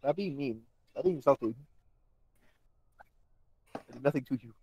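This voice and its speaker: A man's voice: mid-range voice, animated, normal speed, mellow, husky, no echo. A man playing a game on a stream with friends, chatting casually in an exasperated, confused way.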